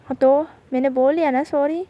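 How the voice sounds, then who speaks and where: A woman's voice: high-pitched, fairly even intonation, moderate pace, muffled recording, slight background noise, close to an everyday voice. A woman voicing a hot-tempered young college girl who speaks curtly in a storytelling narration. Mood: snappy. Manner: curt, snapping.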